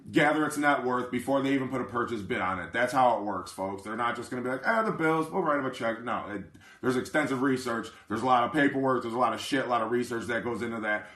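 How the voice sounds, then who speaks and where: A man's voice: medium pitch, a bit bright, reverberant. A man hosting a casual live chat, brash and profane, rambling and often asking if listeners follow him. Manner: keeps asking "you know what I mean". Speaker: livestream host.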